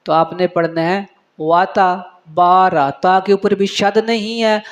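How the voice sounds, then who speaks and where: High-voiced man teaching prayer recitation. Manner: explains slowly, then recites verses drawn out in a melodic chant; corrective, repeating words to show the right sound. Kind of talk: religious instruction on correcting prayer recitation.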